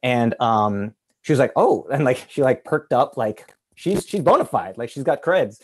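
Speaking at normal speed with lively intonation, a man on a film panel rambles through a casual story, filling it with "like." The actor's medium-pitched voice has a darkish, husky tone.

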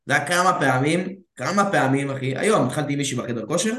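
A man's voice: on the high side, expressive, a bit bright. A man talking as a dating coach in casual chat, calling his listener bro and acting out bits of dialogue. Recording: roomy echo.

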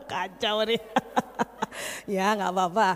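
A woman's voice: mid-range voice, big-room sound, a little hiss or hum. A woman doctor giving a humorous seminar to a women's religious group, playfully teasing and quizzing her audience.

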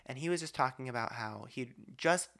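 Bright-voiced, talkative podcast host man. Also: medium pitch, brisk, gravelly. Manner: talkative, argumentative, uses many asides. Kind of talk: casual faith podcast conversation.

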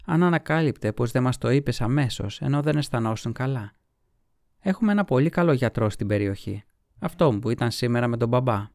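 A man voicing an earnest, caring young woman in a storybook reading, speaking with warm concern. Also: mid-range voice, lively intonation, dry recording, studio quality, lightly acted.

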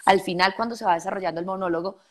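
Talking rapid-fire at a medium pitch, a young Colombian actress tells stories as an interview guest. She's an animated storyteller who imitates the voices of the people in her anecdotes.

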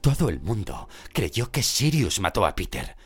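Man voicing a middle-aged wizard teacher, raised pleading voice, husky, lively. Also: on the low side, unhurried, voice pushed up, full character voice. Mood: calm. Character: middle-aged wizard teacher, urgent then calmly patient.

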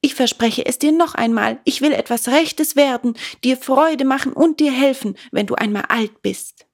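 A woman voicing an eager, whiny wooden puppet boy who talks high and pleading. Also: normal speed.

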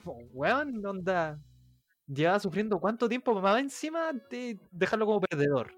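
A Chilean man with a notably high voice chats casually as a podcast co-host. He drops sardonic, slang-heavy remarks. Faint music runs behind him. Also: big pitch swings, moderate pace. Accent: Chilean Spanish. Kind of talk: casual chat.

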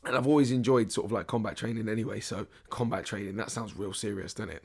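Hoarse young British man chatting casually. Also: on the low side, steady tone, fast talker. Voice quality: hoarse, strained voice. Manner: jokey, slangy, rambling. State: hoarse, losing his voice. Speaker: podcast host. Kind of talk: casual solo podcast chat.

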